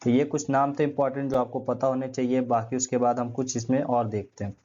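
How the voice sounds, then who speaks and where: A man's voice: mid-range voice, flat delivery, fairly quick, warm tone. A man giving a classroom lecture, asking questions and answering them himself, repeating key terms and using everyday comparisons. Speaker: teacher. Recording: dull lo-fi sound.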